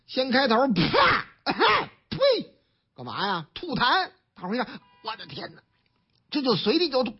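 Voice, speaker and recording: A man with a strong Beijing accent tells the day's news like a street storyteller, slipping into the voices of the people in each tale. His pitch leaps up and down, and his voice has a husky edge. The broadcast sounds dull and lo-fi. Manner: lively, acts out the characters in the stories, colloquial. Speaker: radio commentator.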